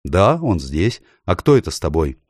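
A man reading an audiobook, voicing an excitable, irritable schoolboy. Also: sits low, normal speed, slightly rough, no echo, clean studio sound, heavily acted. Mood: indignant.

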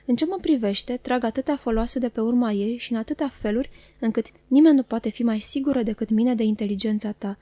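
A woman reading the part of a timid, gentle young mother who speaks shyly and hesitantly. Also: on the high side, no room sound, close to an everyday voice. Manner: shy, hesitant.

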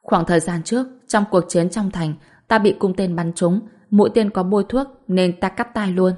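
A woman voicing a loyal female bodyguard who reports events in a calm, matter-of-fact way. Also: on the low side, normal speed, close to an everyday voice.

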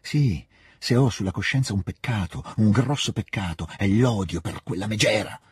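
A man's voice: on the low side, expressive, moderate pace, slightly rough, no room sound, studio quality. A man voicing a bitter, spiteful young princess. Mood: indignant. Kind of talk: audiobook reading.

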